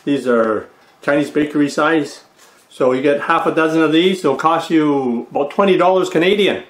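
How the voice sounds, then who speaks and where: A man hosting a casual food vlog and cooking demo, speaking easygoing and pausing often with "uh" as he explains. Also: on the high side. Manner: easygoing, frequent "uh" pauses while explaining. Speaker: food vlogger.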